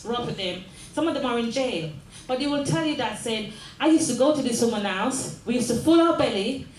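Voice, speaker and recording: Older woman from Jamaica, mayor speaking to a crowd, higher voice, earnest and repetitive, echoey room. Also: slight background noise. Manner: earnest, repeats phrases, checks in with the audience. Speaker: mayor giving a closing speech. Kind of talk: community speech. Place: large room at a mayor's office. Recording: echoey room with faint ambience.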